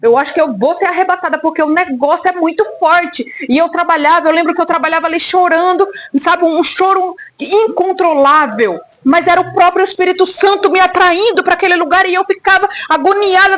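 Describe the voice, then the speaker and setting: A woman's voice: extremely high pitch, a bit bright. A woman preacher giving an emotional personal testimony, fervent and repeating phrases for emphasis.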